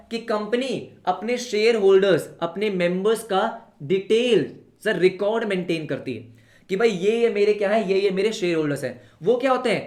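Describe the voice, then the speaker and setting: A young man is teaching a live online commerce class in Hinglish. His voice sits high for a man, and he keeps throwing rhetorical questions at his students, calling them beta. The sound carries a noticeable echo from the room. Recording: echoey room.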